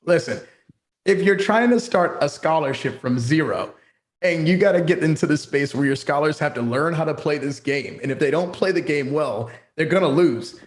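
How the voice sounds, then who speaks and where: A man's voice: a little high, moderate pace. Playful man talking frankly in a chat. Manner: animated, playful, talks frankly with slangy asides. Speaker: guild founder guest. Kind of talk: casual chat.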